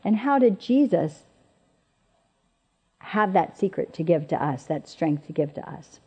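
A woman's voice: on the low side, lively intonation, unhurried, darkish tone, breathy edge. Earnest woman teaching scripture. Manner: earnest, emphatic, repeats key phrases. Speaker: speaker at women's Bible teaching. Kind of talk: expository Bible teaching. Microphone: presenting from notes on a screen.

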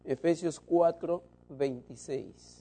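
A man preaching a sermon to his congregation, shifting between loud emphasis and soft, low asides. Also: slow pace, gravelly, a little hiss or hum.

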